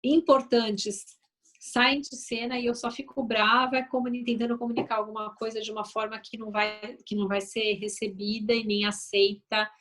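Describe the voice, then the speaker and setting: A woman's voice: fairly high pitch, level tone, normal speed, a bit bright. Brazilian woman giving a chatty talk. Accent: Brazilian Portuguese. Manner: conversational, often adds "né?", acts out sample phrases. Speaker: speaker on family communication. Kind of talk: live talk to an audience. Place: event venue.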